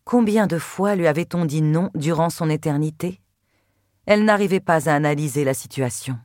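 A woman narrating a first-person literary audiobook in a measured, expressive way. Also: low voice, no room sound, clean studio sound.

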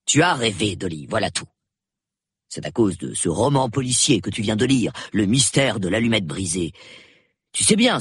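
A man voicing a drowsy, gruff older colonel who mumbles dismissively in a storybook reading. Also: mid-range voice, fairly bright tone, no echo, studio quality, full character voice.

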